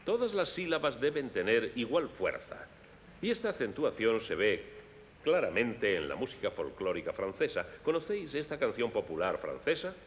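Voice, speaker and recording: A man's voice: sing-song, moderate pace, close to an everyday voice. A man with a Castilian Spanish accent dubbing a lecture on music for young listeners, explaining in a teaching manner and speaking to them directly. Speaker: presenter of a children's concert lecture. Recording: echoey hall with long reverb and faint rumble.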